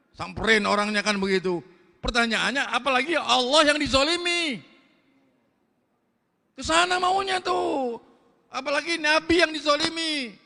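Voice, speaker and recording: Loud blunt Betawi preacher in a hall. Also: male voice, very high-pitched, gravelly. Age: older. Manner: loud, blunt, street-slang preaching, rhetorical questions. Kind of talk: fiery mosque sermon. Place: large mosque hall. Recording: long mosque reverb.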